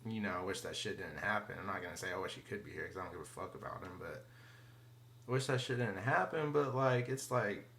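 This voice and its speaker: A man's voice: low-pitched, fast, gravelly, a bit bright, slight background noise. A man rambling through a casual wrestling review, profane and slangy, full of fillers and often trailing off into mumbles. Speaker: wrestling vlogger.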